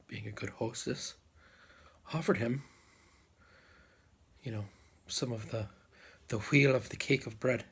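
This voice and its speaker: A male storyteller with a husky, slightly rough voice at a middling pitch. He tells a folk tale aloud in an unhurried way, leaving dramatic pauses and repeating phrases as he goes. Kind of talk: live oral folk storytelling.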